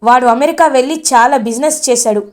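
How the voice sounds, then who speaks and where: A woman's voice: high voice, fairly quick, natural voice. A woman playing a haughty scheming mother. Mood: scornful. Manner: scolding, arrogant.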